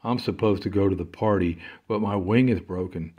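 A man voicing a small, sad young bird with a broken wing in a storybook, chirping quickly. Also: low-pitched, muffled recording.

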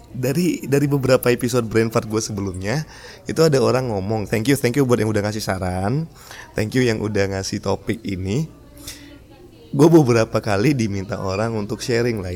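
A man's voice: lowish voice, darkish tone. A man talks through his podcast in a loose, friendly way. He is chatty and laughs often, and he keeps showing how a line sounds with different stress. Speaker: podcast host. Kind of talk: casual talk about public speaking.

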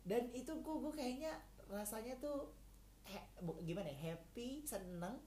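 A woman's voice: fairly high pitch, lively intonation, a little slow, mellow. A woman co-hosting a casual chat, rambling with many fillers and restarts. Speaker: podcast co-host.

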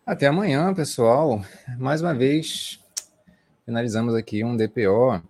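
A man's voice: mid-range voice, normal speed, darkish tone, no room sound. A man with a Brazilian Portuguese accent, co-hosting a sports talk show and reflecting casually at the close, rambling with fillers. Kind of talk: casual wrap-up chat.

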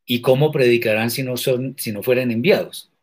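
A man teaching scripture in a measured, deliberate way, answering viewer questions and stressing points with sharp questions. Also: medium pitch. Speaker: religious teacher.

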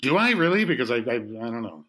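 A man's voice: medium pitch, very animated, quick pace, over a noisy crowd. A man co-hosting a casual remote podcast, chatty and joking, with many fillers. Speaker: podcast co-host.

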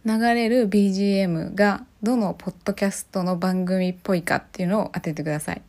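A solo podcast host, this woman keeps things casual and keeps asking her listeners questions. She talks at a quick pace in a medium-pitched, darkish voice with fairly even intonation.

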